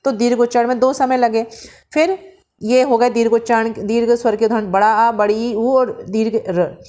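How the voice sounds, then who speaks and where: A woman teaching a Sanskrit grammar lesson from handwritten notes. She explains slowly, mixes English terms into her Hindi, asks questions and answers them herself, and draws out vowel sounds when she demonstrates them. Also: on the high side, steady tone, darkish tone.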